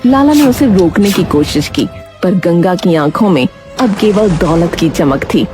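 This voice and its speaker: Woman storyteller, dramatic narration, animated pitch, loud music bed. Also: measured pace. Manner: dramatic, expressive. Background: background music.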